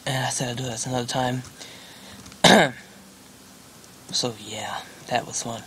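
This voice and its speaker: In a mid-range, fairly bright voice with fairly even intonation, a young man talks a little slowly through casual gameplay for his gaming channel. He rambles, jokes about himself, and leans on fillers, and keyboard clicks and typing can be heard in the noisy home recording.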